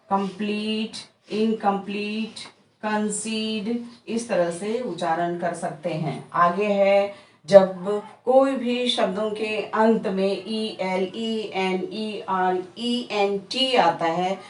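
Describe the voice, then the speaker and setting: A woman's voice: mid-range voice, far from the mic, slight background noise. A woman teaching a patient spoken lesson, drawing out each example word one by one. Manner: stretches out example words one by one. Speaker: English teacher. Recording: echoey room, voice a bit off-mic.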